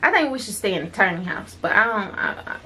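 A woman's voice: mid-range voice, lively intonation, fast talker, bright, forceful tone, slight background noise. A woman chatting casually for a vlog, teasing and laughing as she tells stories. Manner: teasing, laughs often, playful storytelling. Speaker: vlogger. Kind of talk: casual chat.

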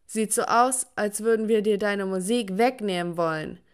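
A woman voicing an angry, strict middle-aged father in an animated story, loud and scolding. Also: medium pitch, normal speed, smooth, close to an everyday voice. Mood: scornful.

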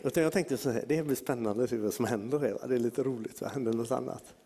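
A man preaching, telling a long story and putting on the voices of the people in it. His voice is gravelly and husky, with a dark, mellow tone. The sound rings with a long hall reverb. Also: medium pitch, soft background music. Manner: lively anecdotal preaching with acted-out quotes. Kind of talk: sermon storytelling.

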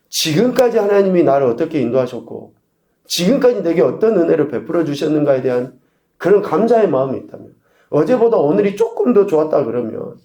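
Korean pastor preaching in an echoey hall. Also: male voice, fairly high pitch, dark tone. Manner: preaching with rhetorical questions and sudden shifts in volume. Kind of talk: sermon. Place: church sanctuary.

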